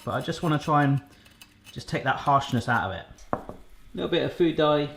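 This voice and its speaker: In an echoey kitchen with faint background noise, a cooking channel host chats and jokes through each baking step of his home vlog. His voice is fairly high and fairly bright, with lively intonation, a slightly fast pace, and some creak.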